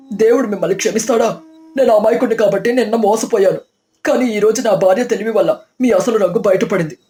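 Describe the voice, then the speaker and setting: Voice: medium pitch, dark tone, close to an everyday voice. A voice actor playing a poor honest farmer who speaks earnestly and reproachfully.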